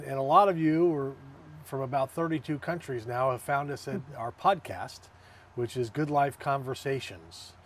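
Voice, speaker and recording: A man's voice: mid-range voice, a little hiss or hum. A man hosting a talk show, chatty and repeating words as he searches for them. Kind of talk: casual interview.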